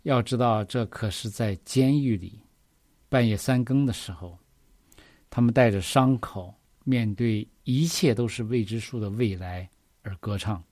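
A man's voice: fairly low pitch, unhurried, a little mellow, no room sound, clean studio sound. A man preaching a sermon, reading scripture verses and explaining them earnestly, often asking the listeners questions.

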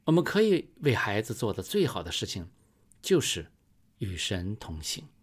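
Slow, low-voiced male preacher. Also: sing-song, breathy edge. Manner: slow, measured storytelling with emphatic rises. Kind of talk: sermon.

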